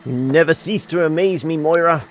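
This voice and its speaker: A man reading game dialogue aloud as an earnest, courtly admirer who flatters with old sayings. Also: a little high, normal speed, a little hiss or hum, voice pushed up, natural voice. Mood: admiring. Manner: flattering, proverb-quoting. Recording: music behind the voice.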